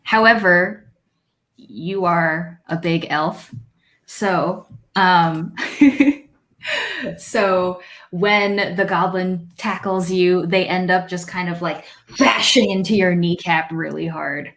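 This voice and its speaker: Slow-talking woman dungeon master. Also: on the low side, a bit bright. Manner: unhurried, descriptive, with small self-corrections. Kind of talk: narrating a tabletop game. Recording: echoey room.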